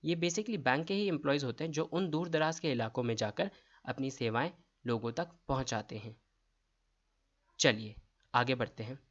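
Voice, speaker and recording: A man's voice: medium pitch, normal speed, a bit bright, lo-fi sound. A man running an exam-prep quiz lesson, reading each question and its options aloud before explaining the answer. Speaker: quiz tutor.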